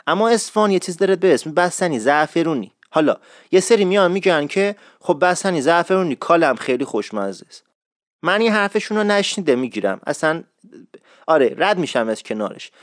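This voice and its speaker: A man's voice: fairly high pitch, sing-song, dry recording, clean studio sound. Chatty man. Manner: enthusiastic, chatty, repeats key points. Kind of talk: casual recommendation talk.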